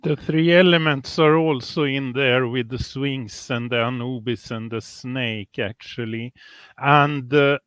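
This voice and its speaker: A man's voice: medium pitch, steady tone, a little slow, fairly bright tone, clean tone, dry recording. A man co-hosting a tarot show, hesitantly adding details about the card. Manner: hesitant, adds details with fillers. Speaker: show co-host.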